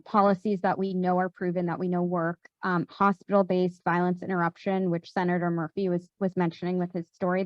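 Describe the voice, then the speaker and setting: A woman's voice: lowish voice, dry recording. Conversational woman on a panel, dull sound. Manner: conversational, many fillers and restarts. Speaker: panelist, gun safety volunteer. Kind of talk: panel discussion answer. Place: event hall.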